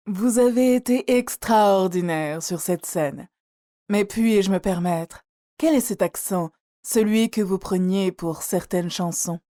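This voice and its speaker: A woman's voice: medium pitch, slow, dark tone, no room sound, clean studio sound, lightly acted. A woman voicing a courteous, inquisitive hostess in an audiobook. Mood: curious.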